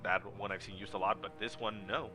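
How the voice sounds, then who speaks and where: A man gives live strategy game commentary in a somewhat low, nasal voice. He sounds sick and congested, explaining the match casually. Game music and battle sounds play clearly behind him. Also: fairly even intonation, a little fast, sharp tone. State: sick with a stuffy nose. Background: video game battle sounds and music.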